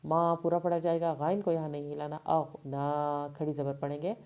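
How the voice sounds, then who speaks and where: Female recitation teacher, low and smooth, draws out each phrase, then briskly explains the rule. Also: level tone, mellow, muffled recording. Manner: recites slowly, then explains rules quickly. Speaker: Quran tajweed teacher. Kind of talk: tajweed recitation lesson.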